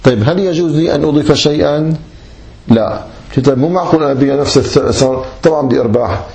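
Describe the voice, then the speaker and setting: Warm-voiced man lecturing. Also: fairly high pitch, racing. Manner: addresses listeners as brothers, poses and answers his own questions. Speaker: teacher of Islamic law. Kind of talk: classroom lecture.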